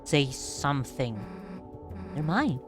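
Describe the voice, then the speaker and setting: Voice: mid-range voice, big pitch swings, takes it slowly, over music. A performer voicing an earnest, fiercely possessive friend in a comedic game, indignant and pleading, with garbled phrasing. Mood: desperate.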